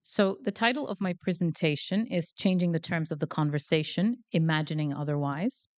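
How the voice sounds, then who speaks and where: Giving a guest academic lecture to a live audience, a Canadian woman speaks into a handheld mic in a low, darkish voice at normal speed. She is talkative and pokes fun at herself, using lots of fillers.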